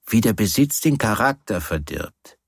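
A man reading the part of a sardonic man who speaks slowly and scornfully. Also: lowish voice, big pitch swings, vocal fry, husky, no room sound, clean studio sound, full character voice. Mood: mocking. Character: sardonic, mocking man, Franz.

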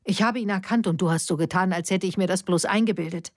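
A woman's voice: lowish voice, fast talker, no room sound, clean studio sound, close to an everyday voice. A woman voicing a nervous middle-aged mother who pleads and defends herself, read as part of an audiobook story. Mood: pleading. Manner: pleading, flustered.

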